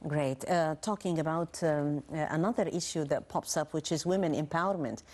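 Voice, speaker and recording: A woman's voice: low voice, moderate pace, darkish tone. A middle-aged woman, hosting a formal television interview with hesitant phrasing. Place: indoor television studio.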